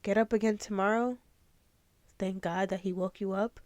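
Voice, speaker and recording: A woman's voice: medium pitch, fairly even intonation, moderate pace, a little mellow, no room sound. A young woman hosting her own podcast, talking in an earnest, emotional, motivational way, close to tears at times. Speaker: podcast host. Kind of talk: casual motivational talk.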